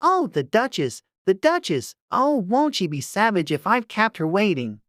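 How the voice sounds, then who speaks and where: A woman voicing a fretful, hurried male rabbit who mutters and exclaims anxiously in a dramatized storybook audiobook. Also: mid-range voice, big pitch swings, no echo, studio quality, close to an everyday voice. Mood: flustered dread.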